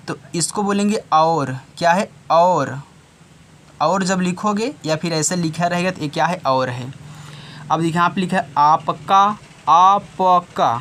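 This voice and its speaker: A man's voice: high voice, fairly bright tone, slight background noise. A man teaching a reading lesson to children, spelling words out letter by letter and repeating each word several times. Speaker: online tutor.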